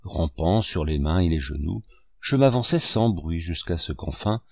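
A man narrating an audiobook in a steady, measured storytelling manner. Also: sits low, gravelly, no echo, studio quality.

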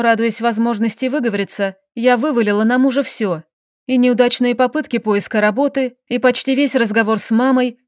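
A woman reading a first-person story aloud as an audiobook, steady and measured. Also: a little high, no echo, studio quality. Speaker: audiobook narrator.

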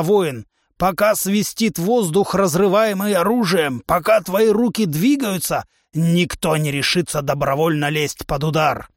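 A man's voice: sits high, no echo, clean studio sound, voice pushed up. A man voicing a huge, hot-tempered male musk-ox humanoid who trains fighters with a club, in a blustering drill-sergeant manner. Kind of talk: audiobook character voice.

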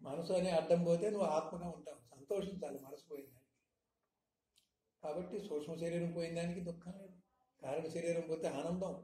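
A man giving a spiritual discourse, teaching with frequent rhetorical questions in a measured, emphatic manner. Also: fairly high pitch, fairly even intonation, mellow. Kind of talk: satsang discourse. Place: hall in Hyderabad. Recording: echoey room, faint noise.

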